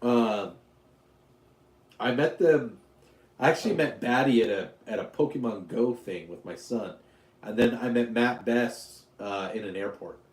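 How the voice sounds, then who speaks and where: A man's voice: mid-range voice, measured pace, roomy sound. A man from Utah hosting a casual live stream, rambling, joking and answering questions from his chat. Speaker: YouTube livestream host.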